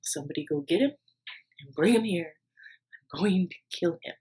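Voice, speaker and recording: A woman's voice: fairly low pitch, big pitch swings, moderate pace, mellow, breathy edge, exaggerated voice, rough recording. A woman voicing a furious, exasperated ancient king, close to her own voice. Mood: angry. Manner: angry, exasperated.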